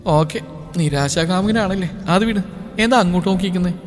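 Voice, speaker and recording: A man's voice: high voice, a little fast, close to an everyday voice. A man doing a cheeky teasing little sister. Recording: reverberant with faint music.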